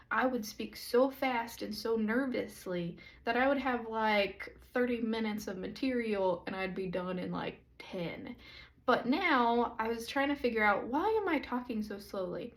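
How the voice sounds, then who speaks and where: A woman from the southern United States, a church co-founder and pastor's wife, talking slowly and earnestly in a self-recorded video. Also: fairly high pitch. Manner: slow, reflective, earnest and inviting. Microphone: self-recorded camera or phone.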